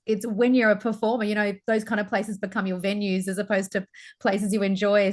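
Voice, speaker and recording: Woman, singer guest, relaxed, friendly, mid-pitched. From Australia. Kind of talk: casual chat.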